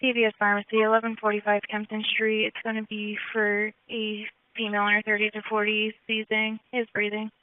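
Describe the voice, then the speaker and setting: Woman dispatcher on scanner radio, clipped and procedural, real crisp voice, thin phone-like sound. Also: medium pitch, monotone, brisk, few pauses, no room sound. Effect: two-way radio.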